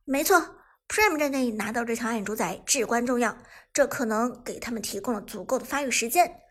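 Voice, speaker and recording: Woman doing a chill esports analyst in an audiobook, breathy, highish, steady explaining. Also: fairly quick, close to an everyday voice. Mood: analytical.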